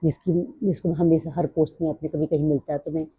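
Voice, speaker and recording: Fast-talking husky low-voiced woman. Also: flat delivery, no room sound. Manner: rambling, drifts off topic. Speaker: vlogger. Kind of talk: casual personal vlog talk. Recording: dry, tinny phone-like sound.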